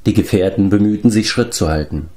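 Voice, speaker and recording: A man narrating an audiobook in a calm, measured way. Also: fairly low pitch. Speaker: audiobook reader.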